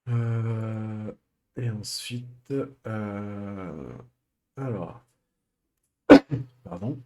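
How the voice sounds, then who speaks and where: A man streaming a live coding session, thinking aloud with many pauses and fillers. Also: on the low side, mellow, dull audio, slight background noise.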